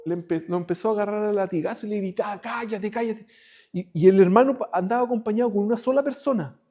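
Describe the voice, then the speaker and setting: A man preaching a sermon as pastor, moving between raised, emphatic lines and hushed ones. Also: very high-pitched.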